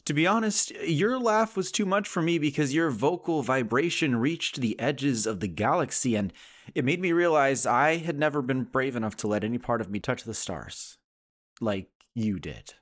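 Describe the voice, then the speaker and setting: A man reading a poem in character as a sarcastic adult male sitcom character, rising in pitch on the refrains. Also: expressive, moderate pace, natural voice. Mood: earnest.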